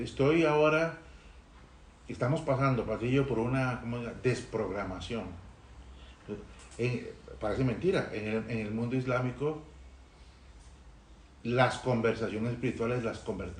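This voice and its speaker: A man from Rica, sharing thoughtfully in a Bible study discussion, pausing and restarting. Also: medium pitch, a little hiss or hum. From Costa Rica. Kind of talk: reflective group discussion. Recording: roomy recording.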